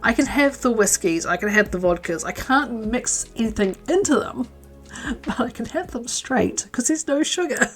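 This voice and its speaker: Animated and a little high-pitched, a New Zealand woman chats at normal speed during her crochet livestream. She rambles casually, reads out and responds to the chat, occasionally muttering stitch counts, with faint music behind.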